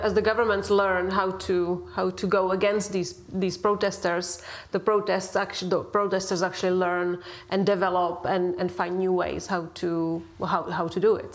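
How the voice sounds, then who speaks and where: A woman journalist moderating a public debate, reflective and halting, with many fillers as she thinks aloud. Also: on the low side, level tone. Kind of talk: panel debate.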